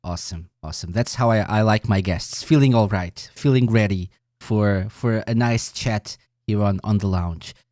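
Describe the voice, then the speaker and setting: A man's voice: lowish voice, moderate pace, a little mellow, no room sound, clean studio sound. A man hosting a podcast, reading a scripted intro and then chatting with a guest in an upbeat way. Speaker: podcast host. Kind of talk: scripted intro then casual interview chat.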